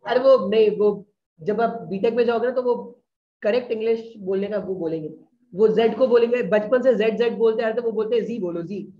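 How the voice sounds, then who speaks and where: Brief: chatty male classroom teacher, somewhat high voice, dull lo-fi recording. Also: fairly quick. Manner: casual, keeps checking if students follow. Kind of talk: classroom lecture.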